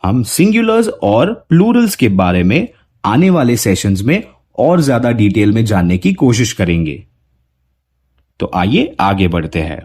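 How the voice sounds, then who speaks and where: A man teaching English pronunciation to Hindi speakers, saying sample words one by one with deliberate, drawn-out care. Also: husky. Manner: drawn-out word examples with a lively rising pitch. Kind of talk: slow, deliberate pronunciation lesson.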